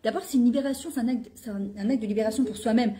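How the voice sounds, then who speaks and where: A middle-aged woman who weaves into her talk. She tells personal stories in a lively way and acts out the dialogue. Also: on the high side, racing. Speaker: guest speaker on women's talk show. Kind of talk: animated personal storytelling.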